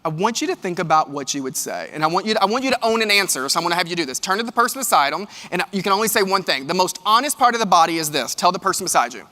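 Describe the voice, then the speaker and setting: A man giving a motivational keynote talk to an audience, animated and quizzing the room with questions. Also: high-pitched, racing, hardly any pauses, in a large hall. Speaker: keynote speaker. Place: large hall with audience.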